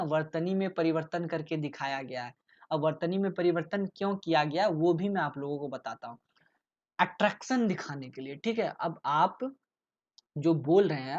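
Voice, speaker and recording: A male tutor with a fairly high voice covers exam topics in a casual lecture, using rhetorical questions and regular check-ins, often saying "ठीक है". The audio is dull.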